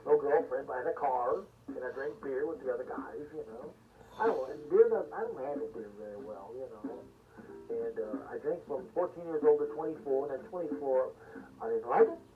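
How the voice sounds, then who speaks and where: A man's voice: mid-range voice, lively intonation, fairly quick. A man in his seventies giving blunt, folksy, rambling advice in a casual monologue. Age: 70s. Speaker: singer-songwriter giving life advice. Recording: tinny phone-like sound from a distance with music behind. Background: music.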